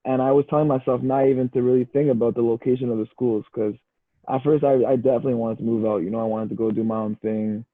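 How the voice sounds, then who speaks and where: A young adult Canadian man talks quickly in a mid-range voice, and the recording is dry. As a university football player guesting on a casual podcast, he's easygoing and relaxed and says "bro" and "you know" a lot, over a tinny, phone-like line.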